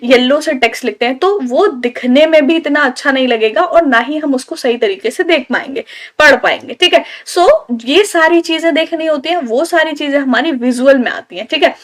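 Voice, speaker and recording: High-voiced woman teaching. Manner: reads English text slowly, then explains in Hindi; often ends phrases with "theek hai". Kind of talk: classroom lecture mixing Hindi and English.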